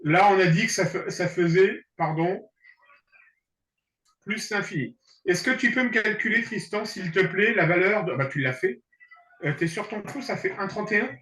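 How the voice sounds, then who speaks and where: Male math tutor, high and bright, playful and teasing, echoey room. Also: expressive, normal speed. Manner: joking, teasing, laughs often. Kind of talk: online tutoring session.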